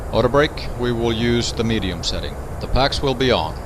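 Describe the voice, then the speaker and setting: Casting: male actor as businesslike pilot, medium pitch, methodical checklist delivery over engine noise. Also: animated, normal speed, close to an everyday voice. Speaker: pilot giving approach briefing. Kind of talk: scripted cockpit checklist briefing. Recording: clear aircraft noise behind.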